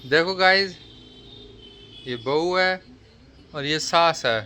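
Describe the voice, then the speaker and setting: A man's voice: on the high side, takes it slowly, bright, forceful tone, slight background noise. A young man joking and teasing his partner in a casual home vlog, talking to viewers. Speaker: vlogger. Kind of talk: casual couple vlog chat.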